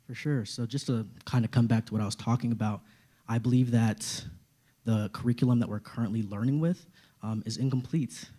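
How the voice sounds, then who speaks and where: A young man's mellow, warm voice carries an earnest debate answer from a stage. He tells a personal story and builds it into a persuasive case, speaking at a middle pitch. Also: fairly quick. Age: young adult. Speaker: student vice-presidential candidate.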